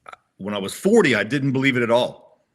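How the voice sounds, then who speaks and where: A man in his sixties, a guest in a casual conversational interview, speaks briskly with a very animated mid-range voice. He rambles a bit, restarting and correcting himself.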